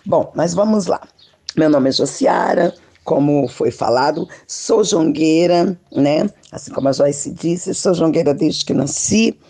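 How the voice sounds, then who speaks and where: A Brazilian woman with a hoarse, raspy voice from a throat problem, explaining informally as a guest expert. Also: deep voice, measured pace, mellow. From Barra do Piraí, Rio de Janeiro state, Brazil. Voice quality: raspy, husky. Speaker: guest, traditional jongo master.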